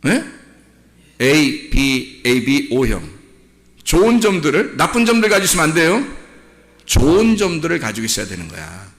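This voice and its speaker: Brief: male pastor, bright, lively sermon delivery, shouts at peaks, long church echo. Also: on the high side, moderate pace. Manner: emphatic, rising to shouts, quizzing the congregation. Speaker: senior pastor. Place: church sanctuary.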